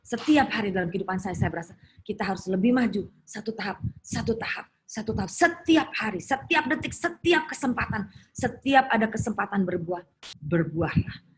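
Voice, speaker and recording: Fast-talking woman giving a testimony. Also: medium pitch. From Indonesia. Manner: fast, animated storytelling with restarts and fillers. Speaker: guest speaker at a women's church gathering. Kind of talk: personal testimony sermon. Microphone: video call.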